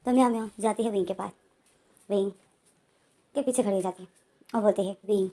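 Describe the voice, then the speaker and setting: A woman's voice: medium pitch, a little fast, warm tone. A woman casually retelling a story, rambling along with many linking words and fillers.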